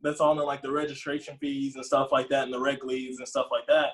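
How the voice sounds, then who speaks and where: A young man talking casually as a podcast guest, relaxed and rambling with lots of filler words. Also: medium pitch, quick pace, poor audio. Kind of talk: casual chat.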